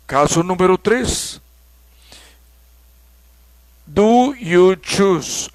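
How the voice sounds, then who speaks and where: Slow, deliberate Mexican teacher, dry sound. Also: male voice, high voice, fairly bright tone, dry recording. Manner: slow, deliberate, repeats key points. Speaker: English teacher. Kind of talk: classroom grammar lesson.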